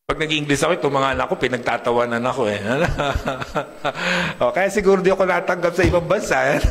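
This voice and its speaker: A middle-aged male preacher with a big deep voice, preaching a sermon and joking with his congregation. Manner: lively, joking with the congregation, mixing Tagalog and English. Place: church hall. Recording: reverberant hall.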